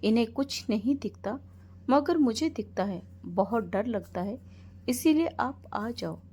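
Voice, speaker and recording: A woman's voice: on the high side, animated, a little slow, warm tone, husky, heavily acted. A woman voicing a frightened young wife who pleads through tears in a storybook tale. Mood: fearful. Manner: fearful, pleading.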